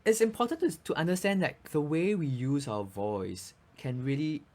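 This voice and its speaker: A man's voice: on the high side, normal speed, darkish tone. A man, a voice coach explaining speaking tips as a guest in a casual interview, often saying "you know".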